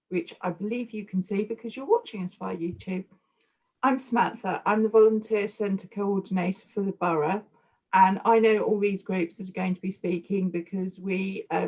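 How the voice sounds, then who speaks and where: A woman hosting a live online session as volunteer coordinator, friendly and steady with some fillers, on a video call. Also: mid-range voice, poor audio.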